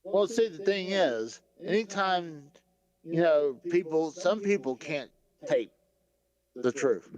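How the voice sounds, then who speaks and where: A man's voice: a little high, lively intonation, slow pace, a crowd in the background. A man in an apartment on a livestream call, answering tersely and defensively. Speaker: guest defending himself. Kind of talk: livestream discussion.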